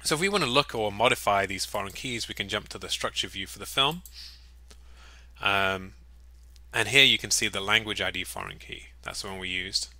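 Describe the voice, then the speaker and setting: A man giving a casual, upbeat screen-recorded software tutorial, with chatty, jokey asides. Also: fairly low pitch, very animated, moderate pace, dry recording. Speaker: software walkthrough presenter.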